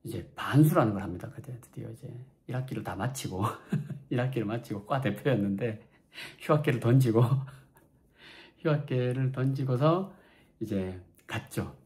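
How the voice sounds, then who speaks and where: A man's voice: fairly low pitch, a little fast, a little mellow. A man from Daegu with a Gyeongsang accent, chattily telling his own story as a channel host, with self-mocking asides. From Daegu, South Korea. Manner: chatty, self-mocking, acts out quoted lines. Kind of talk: storytelling vlog.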